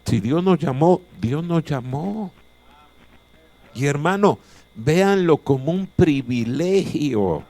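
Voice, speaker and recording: A man's voice: on the high side, lively intonation, slow pace, dark tone. A male pastor preaching a chapel sermon, emphatic and repeating his key phrases. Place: chapel of a Bible college.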